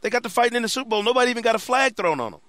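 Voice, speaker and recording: Bright, animated sportswriter man. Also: very high voice, rapid-fire, dry recording. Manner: animated, slangy storyteller. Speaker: sportswriter and co-host. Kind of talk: casual sports chat.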